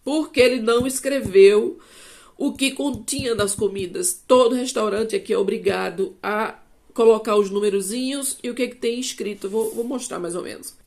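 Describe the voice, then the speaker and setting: Higher-voiced Brazilian woman in her 50s. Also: moderate pace. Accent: Brazilian Portuguese. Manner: animated storytelling, acting out dialogue. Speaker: vlogger. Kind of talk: personal testimony.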